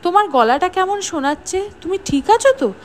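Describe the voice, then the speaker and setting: A woman voicing a lonely widowed mother who speaks softly and fondly to her daughter on the phone. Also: extremely high pitch, lively intonation, fairly quick. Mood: tender.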